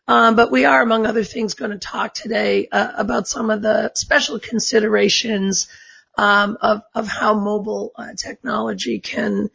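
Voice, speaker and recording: A woman hosting an interview podcast, her voice squeaky and hoarse, strained by allergies and asthma. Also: level tone, normal speed, a bit bright, highs cut off. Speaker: podcast host.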